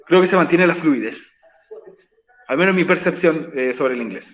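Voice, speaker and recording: A man's voice: on the high side, lively intonation, normal speed. Man, teacher, patient step-by-step explaining, roomy echo. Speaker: English teacher. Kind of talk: online class explanation.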